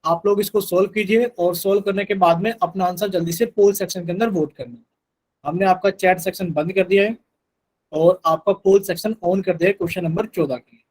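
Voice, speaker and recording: High-voiced man teaching math online. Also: steady tone, fairly quick, darkish tone, rough recording. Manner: patient, repeats instructions to students. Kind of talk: live online class.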